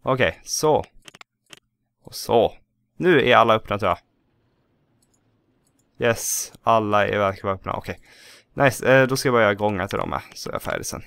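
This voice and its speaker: A man's voice: on the low side, creaky, long pauses, clear, resonant tone, no room sound, clean studio sound. A man with a Swedish accent giving casual let's play commentary, chatting to himself and swearing at small mishaps. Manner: chatty, self-talking, swears at mishaps, bursts into excited shouts.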